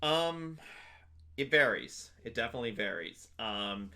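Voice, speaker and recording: A man's voice: medium pitch, animated, measured pace, pushed and bright. A young man chatting as an interview guest, rambling with lots of fillers and restarts. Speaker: interview guest, convention panelist. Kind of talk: casual interview chat.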